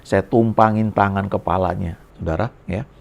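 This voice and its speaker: A man's voice: sits low, steady tone, moderate pace, vocal fry. A middle-aged man, a pastor, telling a personal testimony in a sermon, speaking in a conversational storytelling way with frequent tag words.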